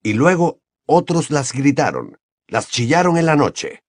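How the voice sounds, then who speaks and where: Male narrator, mid pitch, lively and dramatic, dry close sound. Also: unhurried, dry recording. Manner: expressive, dramatic reading. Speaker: audiobook narrator. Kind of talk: scripted narration.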